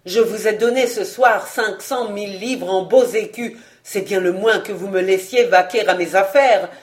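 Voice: mid-range voice, normal speed, lightly acted. A reader doing Vaunois, a raging nobleman. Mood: forced calm. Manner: shouting, blasphemous outbursts. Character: furious scheming nobleman, explosive temper. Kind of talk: audiobook character reading.

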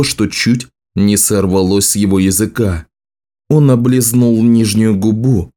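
A man's voice: lowish voice, warm tone. A man steadily reading a fantasy novel aloud as the audiobook narrator.

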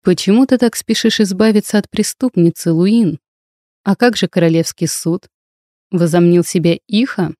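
A woman doing a low, calm dragon-man. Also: normal speed, dry recording, clean studio sound, lightly acted. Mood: calm, assured. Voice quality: low, pleasant, soft rumble. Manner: calm, assured, slightly mocking. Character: confident dragon-shifter man, calm and protective.

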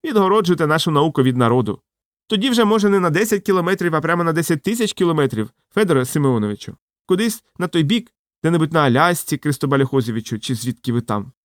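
A man putting on a shrill falsetto demagogue. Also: expressive, fast talker, no room sound, clean studio sound, close to an everyday voice. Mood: sneering. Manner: shrill, preachy, accusing. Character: pompous middle-aged male pseudo-scientist demagogue. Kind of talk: audiobook character voice.

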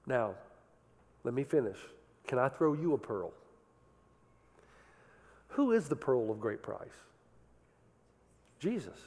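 A man preaching a sermon with passion, swinging from loud emphasis to quiet, intense moments. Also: medium pitch, sing-song, slow pace, long pauses, long reverb tail. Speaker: pastor.

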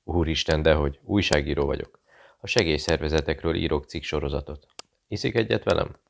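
A man reading a calm British investigator who talks in a friendly, quietly persuasive way. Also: rumbling low, vocal fry, a little hiss or hum. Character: cool British male investigator posing as journalist.

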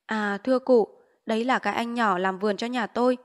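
A woman's voice: fairly high pitch, fairly even intonation, fairly quick, natural voice. An old landlady speaks anxiously and humbly to an official in an audiobook, voiced by a woman. Her tone stays deferential and placating. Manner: pleading, deferential, raised voice. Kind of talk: audiobook character voice.

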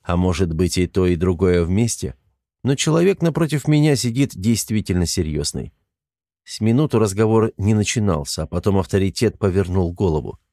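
Low, warm-voiced male audiobook narrator. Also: animated, normal speed, dry recording, clean studio sound. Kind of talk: first-person audiobook narration.

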